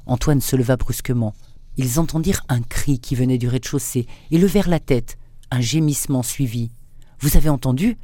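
A man presenting and reading a thriller excerpt aloud in a measured, steady narration. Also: medium pitch, no room sound. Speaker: radio book reader and presenter.

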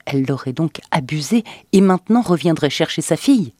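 A man reading a novel aloud as narrator in an expressive, dramatic audiobook style. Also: a little high, a little fast, no room sound, clean studio sound.

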